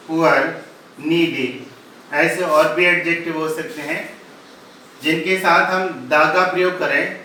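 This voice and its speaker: Slow, bright-voiced man teaching grammar. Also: fairly high pitch, recorded from a distance. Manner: slow, spells words out letter by letter; explains in Hindi with English examples. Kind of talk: recorded classroom-style lesson. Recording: echoey room, voice from off-mic, faint ambient noise.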